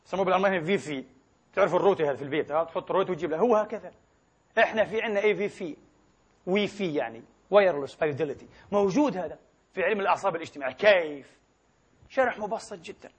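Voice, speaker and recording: Man, preacher, high voice, husky, animated religious lecture. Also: very fast. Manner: animated, mixes formal and colloquial speech.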